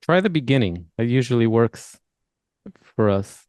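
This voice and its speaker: A man hosts a podcast, leading an interview with loose, rambling questions that restart mid-thought. His voice is smooth and clean, recorded dry and close with no room sound. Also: medium pitch, lively intonation, a little slow, darkish tone, no room sound. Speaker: podcast host. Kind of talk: casual interview hosting.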